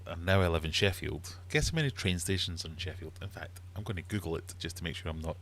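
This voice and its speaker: A middle-aged Glaswegian man hosts a livestream as a quizmaster, chatting casually and ramblingly while he reads out viewer comments. His voice is deep and gravelly, fast, with a fairly bright tone.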